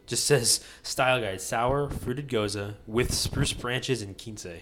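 A man's voice: medium pitch, takes it slowly, a bit bright. A man hosting a casual podcast chat, rambling and hedging with lots of restarts.

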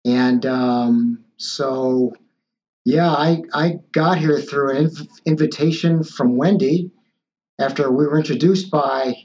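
A physician in his sixties, born in Taiwan and raised in Los Angeles, answers interview questions as a guest in a medium-pitched, slow, slightly mellow voice. He hesitates often, using many fillers and restarts, and the audio is dull and lo-fi.

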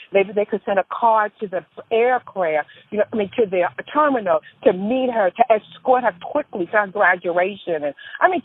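A woman speaks in a husky, slightly breathy voice, piling up emphatic asides as her stories wander. The sound comes through a tinny, phone-like line. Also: mid-range voice. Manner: rambling, emphatic storyteller. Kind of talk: casual phone chat.

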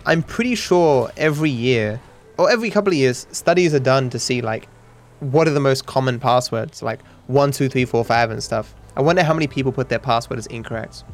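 A man streaming, rambling quickly and casually with self-deprecating asides. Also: mid-range voice, faint music behind.

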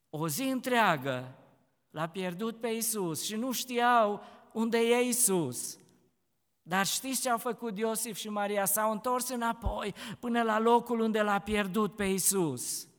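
A man's voice: fairly bright tone, smooth. A man preaching a sermon, rising into impassioned, pleading speech. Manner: rises to an impassioned, pleading pitch when voicing grief. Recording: long hall reverb.

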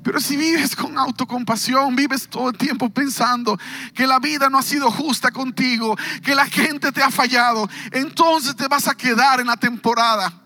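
A male pastor preaching an impassioned sermon, often rising to a shout. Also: very high-pitched, fairly even intonation, normal speed, soft background music.

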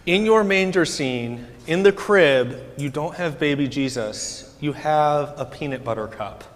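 A man's voice: fairly high pitch, expressive, measured pace, a little hiss or hum. Earnest man preaching in an echoing church. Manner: earnest, gently teasing questioner. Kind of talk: conversational homily. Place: large church. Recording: reverberant church hall.

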